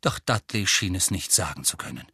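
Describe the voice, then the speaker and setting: A man narrating an audiobook with expressive, lively storytelling. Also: deep voice, a little fast, slightly rough, no room sound, clean studio sound.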